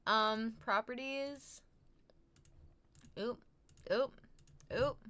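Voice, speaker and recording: Talking extremely slowly in a fairly high, slightly bright voice, a young adult woman livestreams and chats with her viewers. Her casual talk is slangy, sweary, and stoner-flavored.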